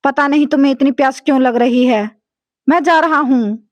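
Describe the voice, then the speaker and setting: A woman voicing a grown son in a storybook tale, impatient and quick-tempered, talking in an irritable, complaining way. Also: sits high, no room sound, dull audio, natural voice. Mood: angry.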